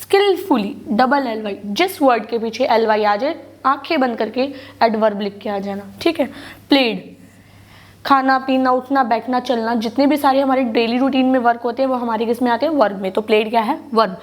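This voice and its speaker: A woman with an Indian English accent teaches a school grammar class in Hindi mixed with English. Her voice sits high, and she works patiently through each point, asking questions and then answering them herself. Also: normal speed. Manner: explains patiently, repeats key words, asks and answers her own questions.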